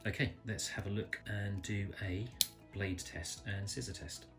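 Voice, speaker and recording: A man calmly reviewing a small pocket knife, thinking aloud and correcting himself as he goes. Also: lowish voice, measured pace, over music. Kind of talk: casual product review narration. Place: indoors at a table, filming hands close up.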